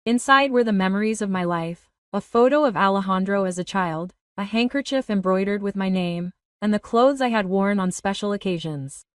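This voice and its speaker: A woman reading a first-person story in a steady, even narrating voice. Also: medium pitch, moderate pace, few pauses, no room sound, clean studio sound, recorded from a distance.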